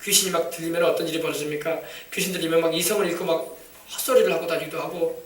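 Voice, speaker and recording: A man preaching a sermon, emphatic and shouting commands at demons, often asking the congregation for replies. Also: on the high side, fairly even intonation, very fast, a little hiss or hum. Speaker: pastor. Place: church sanctuary. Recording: echoey church, mic from a distance.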